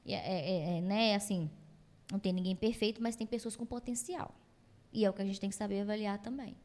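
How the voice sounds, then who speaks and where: A woman speaking as a psychologist guest on a casual podcast, animated and acting out quoted lines of dialogue. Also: medium pitch, brisk, in a large hall.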